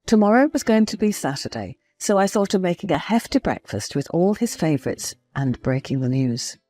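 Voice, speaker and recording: Lively woman narrating a story. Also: on the low side, moderate pace, soft background music. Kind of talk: first-person story narration.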